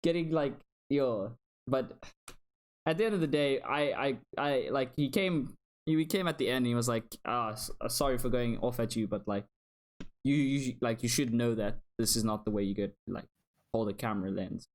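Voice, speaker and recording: A man's voice: mid-range voice, moderate pace, a little mellow. Rambling young male podcast co-host. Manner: rambling, laughs often, repeats words. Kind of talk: casual chat.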